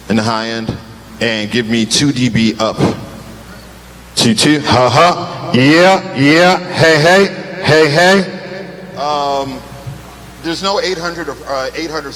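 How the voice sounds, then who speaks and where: A man's voice: mid-range voice, fairly bright tone. A man doing a casual soundcheck on a live stage mic, counting and calling out checks, with delay and echo added to his voice. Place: concert stage in a large hall. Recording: roomy hall with long reverb.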